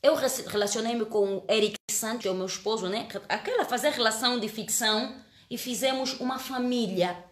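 A woman's voice: a little high, brisk, echoey room. A woman, an actress telling a story in a casual live-stream chat, earnest and emotional, often restarting her words. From Angola.

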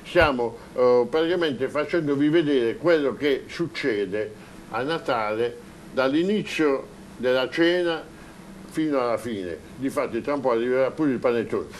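A man's voice: medium pitch, unhurried, slight background noise, low-quality recording. Chatty man hosting a TV studio evening. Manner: chatty and joking, with fillers. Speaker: TV host. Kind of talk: live studio presenting.

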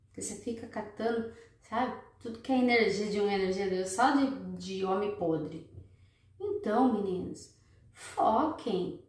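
A woman's voice: medium pitch, moderate pace, a little mellow, far from the mic. A Brazilian woman vlogger giving relationship advice to her viewers in an emphatic, scolding way. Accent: Brazilian Portuguese. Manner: emphatic, scolding, keeps addressing listeners as girls. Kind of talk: casual advice monologue to viewers. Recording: very echoey room, away from mic.

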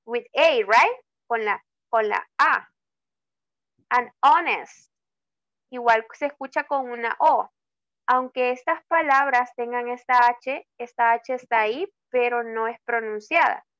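A woman's voice: fairly high pitch, fairly bright tone, no echo, muffled recording. A woman tutor teaching English grammar over an online class, drawing out example words and often checking with "¿ok?". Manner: slow, drawn-out example words, frequent checking "¿ok?". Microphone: video call.

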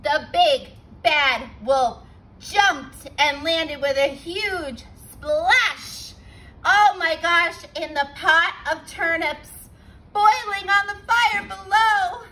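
A woman teacher reading a children's story aloud, expressive and stopping to explain words for kids. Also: very high-pitched, very slow, rough recording.

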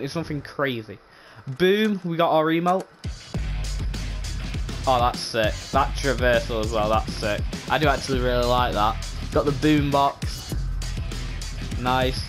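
Guy with a slightly high voice rambling casually over a game review, repeats himself a lot, voice a bit hoarse. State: voice going hoarse. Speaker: gaming channel host.

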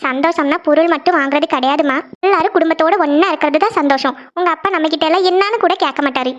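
A woman's voice: sits high, fast talker, dull audio, lightly acted. A woman voicing a worried, sad middle-aged mother in a cartoon, talking in a weary, complaining way. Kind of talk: cartoon voice acting.

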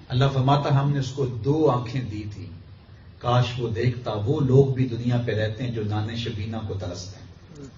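A man gives a sermon explaining scripture, reciting verses slowly and rising to impassioned emphasis. His voice sits in the middle range and sounds distant and muffled. The recording has a roomy hall echo. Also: medium pitch, a little mellow, a little hiss or hum. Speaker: preacher. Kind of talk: sermon, Quran commentary.

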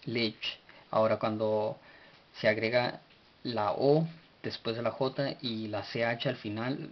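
Guy teaching a study class real slow, thinks out loud, fixes his own slips, bit muffled recording. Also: mid-range voice. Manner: slow and searching, spelling out letters, self-correcting, chuckles. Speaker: teacher of a religious study group. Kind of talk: unscripted study lesson.

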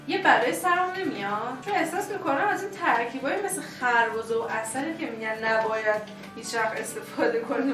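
A woman vlogger chatting playfully to her viewers while cooking at home, often giggling. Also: fairly high pitch. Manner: playful, giggly, talks to camera audience. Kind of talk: casual vlog chat to viewers. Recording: roomy, distant mic, background music.

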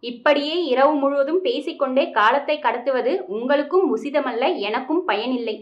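A woman's voice: high voice, normal speed, muffled recording, natural voice. A woman voicing a scheming, menacing man in a story reading, talking sternly and threateningly. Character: scheming menacing male kidnapper, grown man.

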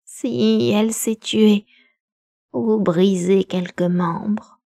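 A woman reading a novel aloud for a live homemade audiobook, slow, measured and expressive. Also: mid-range voice, no room sound, studio quality. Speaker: audiobook reader.

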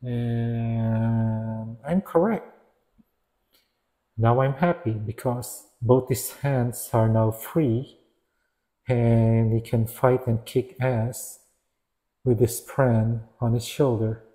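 Male collector reviewing figures; casual, halting, self-correcting, slow and warm-toned. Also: medium pitch, fairly even intonation. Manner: hesitant, restarts and corrects himself. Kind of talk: casual product review narration.

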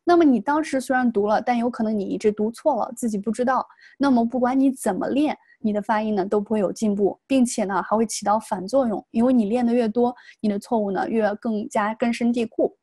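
An English test tutor gives an online exam-prep lesson in a fairly high, warm voice with a breathy edge, recorded dry. She is patient and explanatory, modeling English words slowly.

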